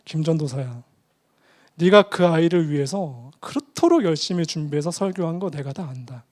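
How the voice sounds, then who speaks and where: A man voicing God as a calm, fatherly male voice who gently questions him. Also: fairly high pitch, moderate pace, lightly acted. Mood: gentle, searching.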